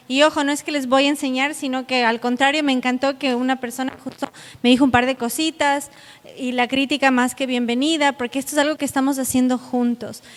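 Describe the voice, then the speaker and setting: Speaking earnestly and directly to the audience at a public lecture, this South American woman has a high, slightly bright voice. The conference hall setting gives the recording a long reverb and plenty of echo.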